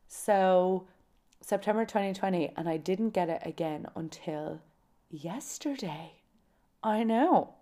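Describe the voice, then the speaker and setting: A woman's voice: fairly low pitch, animated, takes it slowly, dark tone. A woman in her twenties with an Irish accent from County Kerry in the southwest, chatting informally and confidingly as she tells personal stories to listeners. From County Kerry, Ireland. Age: 20s. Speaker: podcast host. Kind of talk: casual solo chat, personal storytelling.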